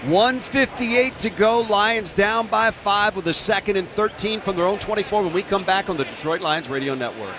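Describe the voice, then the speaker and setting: A man's voice: high-pitched, lively intonation, normal speed, few pauses. An American man calling live football play-by-play on the radio in clipped, punchy announcer phrases. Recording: noisy live stadium broadcast.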